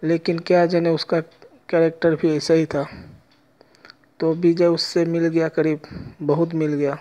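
A man telling a personal story with a moral in a slow, halting way, with many pauses. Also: a little high, flat delivery, mellow. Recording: dull lo-fi recording.

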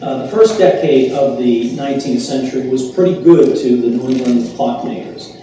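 A man's voice: medium pitch, normal speed. A man with a Boston accent giving a public lecture, talking plainly with many "uh"s. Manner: filler-heavy, relaxed and self-deprecating. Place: lecture hall. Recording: echoey hall, distant mic, faint hiss.

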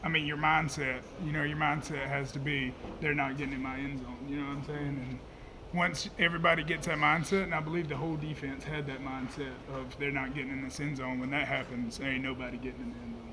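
A man's voice: mid-range voice, fairly even intonation, fast talker, crowd noise, low-quality recording. A college football player in his twenties answering post-game press questions in a laid-back, plain-spoken way. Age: 20s. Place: press conference room, indoors. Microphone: table microphone.

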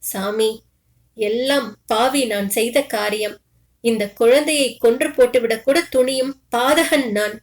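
A woman reading a short story, voicing a poor beggar man who confesses his guilt in a low, subdued tone. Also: unhurried, close to an everyday voice. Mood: remorseful. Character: remorseful poor male beggar, sobbing and guilty.

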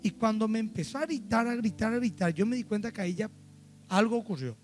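Man, Paraguayan Spanish accent, middle-aged pastor, high voice, storytelling sermon, faint music behind. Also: fast. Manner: storytelling, swings from hushed to loud emphatic preaching. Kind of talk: sermon with acted-out anecdotes.

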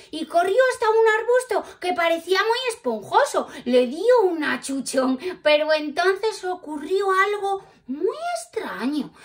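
A woman with a Peninsular Spanish accent reading a picture book aloud to children, animated and talking straight to her young listeners. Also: very high-pitched. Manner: animated, talks directly to the children. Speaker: children's storyteller.

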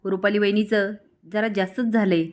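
A woman's voice: mid-range voice, level tone, normal speed, lightly acted. A woman voicing a hot-tempered young man in a plain reading voice. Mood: angry.

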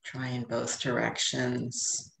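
A middle-aged woman calmly guiding a grounding meditation in a soothing, unhurried voice with long pauses, over a video call. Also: rumbling low, gravelly. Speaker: meditation guide. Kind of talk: calm guided grounding meditation. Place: indoor room with plain wall, on a video call. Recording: roomy, echoey video call audio.

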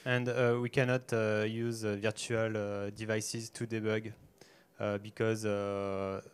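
A man co-presenting at a conference adds a halting answer with filler sounds. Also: fairly low pitch, level tone, clean tone.

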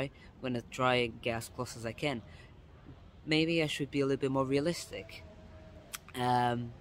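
A man's voice: mid-range voice, slight background noise. A young man talking casually to his phone camera outdoors on a woodland path, chatty and explaining things step by step, often restarting his sentences. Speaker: vlogger. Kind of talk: casual vlog talk to camera. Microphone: phone camera at arm's length.

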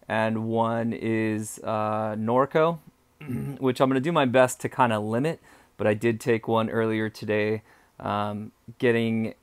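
A man with a smooth, clear voice at a medium pitch talks casually to his viewers. He explains things conversationally, step by step, as a vlogger filming in a bedroom, and there is some natural room sound around his voice. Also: dry recording. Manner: conversational, explanatory walk-through. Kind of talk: casual first-person vlog talk. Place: small room, bedroom, indoors.

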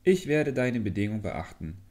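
A man's voice: medium pitch, sing-song, normal speed, darkish tone, pitched above the performer's own voice, lightly acted. A man voicing a firm young maiden. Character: graceful young village woman, practical and firm.

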